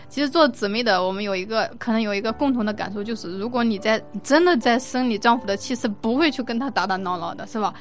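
A woman's voice: on the high side, fairly bright tone. A woman giving a casual spoken testimony about her marriage as a wife. She speaks frankly and thoughtfully, with light laughter.

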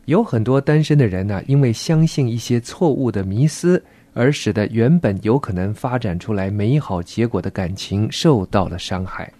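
Relaxed male radio host, mellow tone. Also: on the low side, moderate pace, few pauses, no room sound, faint music behind. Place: radio studio.

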